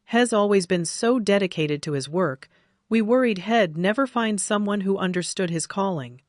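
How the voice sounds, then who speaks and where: A woman's voice: medium pitch, moderate pace, no room sound, clean studio sound, lightly acted. A woman reading the lines of a kind, welcoming older mother-in-law, a retired teacher.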